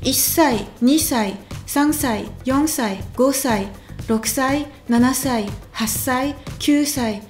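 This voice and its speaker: A woman giving an online language lesson, upbeat and chatty, slowly and carefully repeating examples. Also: sits high, a little mellow, soft background music. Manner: slow, careful repetition of examples. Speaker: language teacher.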